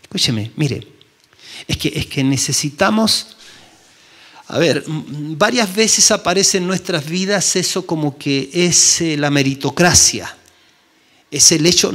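A man's voice: on the high side, fairly bright tone. A middle-aged man with a Chilean accent, preaching a sermon as pastor and telling a personal story with many halts and restarts. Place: church.

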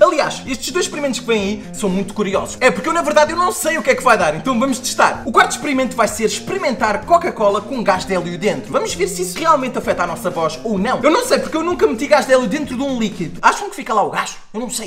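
A young man with a European Portuguese accent presenting an experiment vlog in an excited, exclamatory way to his viewers. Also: extremely high pitch. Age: young adult. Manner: animated, exclamatory, energetic, addressing viewers. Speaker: YouTube experiment host. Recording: music behind the voice.

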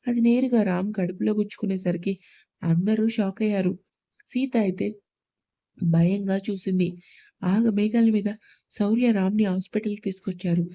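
Woman, storyteller, scripted narration, mellow, warm tone, steady reading. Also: medium pitch, normal speed, pauses often. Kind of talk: scripted narration of a love story, all voices read alike.

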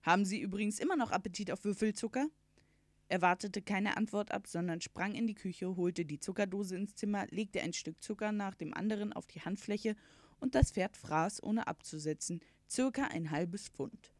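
A woman reading a children's storybook aloud in clear, even narration. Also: mid-range voice, normal speed, no echo. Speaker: audiobook reader.

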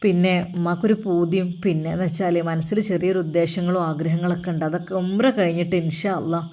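A woman doing a gentle old Malappuram mother. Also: lowish voice, fairly even intonation, fast, natural voice. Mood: tender, reassuring. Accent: Malappuram Malayalam. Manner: soft, coaxing, motherly.

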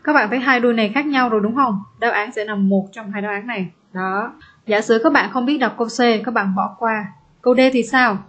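A woman teacher explaining an exam step by step, repeating example words slowly and patiently. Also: fairly high pitch, fairly bright tone. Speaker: English teacher. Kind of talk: exam-prep lesson.

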